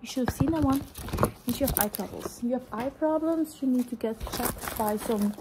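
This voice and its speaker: Young woman doing fast ASMR role-play asmr as a doctor, high soft voice, repeats short phrases, noisy close mic w clicks. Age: young adult. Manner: hurried, repetitive soft murmuring of short phrases. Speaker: ASMR performer playing an examining doctor. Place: indoors, small room at home.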